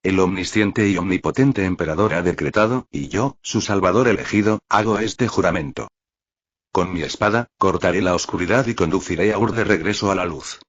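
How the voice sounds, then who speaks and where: A man's voice: sits low, fairly quick, dry recording. A man voicing a young male ruler who gives a solemn, commanding speech to his people. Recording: dull lo-fi recording.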